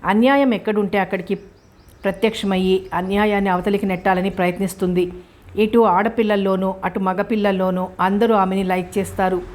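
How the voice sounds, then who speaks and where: Female audiobook narrator, mid-pitched, steady even storytelling of a novel. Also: a little fast.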